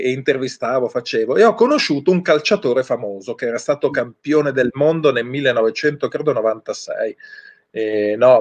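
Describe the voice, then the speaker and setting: A man, a children's author, reading his own story aloud and chatting playfully, with animated storytelling and chatty asides. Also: mid-range voice. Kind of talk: book reading with casual chat.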